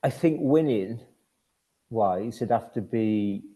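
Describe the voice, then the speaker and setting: A man chatting casually as a hockey-playing guest, haltingly, often repeating words before he finishes. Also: on the low side, expressive, dark tone, husky. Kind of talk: casual chat.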